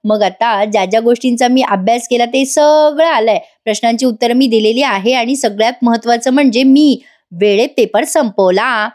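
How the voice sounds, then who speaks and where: Brief: hoarse woman reading a teasing young wife, coaxing and high. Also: normal speed, a little mellow, close to an everyday voice.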